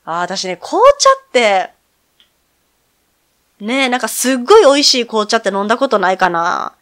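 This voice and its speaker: A woman's voice: on the high side, lively intonation, moderate pace, a bit bright. A woman with a Kansai accent giving chatty, casual commentary while playing a video game. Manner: chatty, talks to herself, laughs easily. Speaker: game streamer. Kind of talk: casual let's-play commentary.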